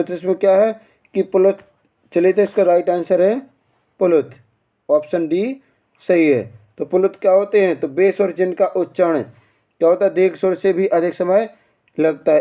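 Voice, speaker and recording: A man's voice: high voice, warm tone. A man teaching an exam-prep grammar lesson, posing quiz questions, answering them himself and repeating the key answers. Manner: quizzing, repeats answers, asks and answers own questions.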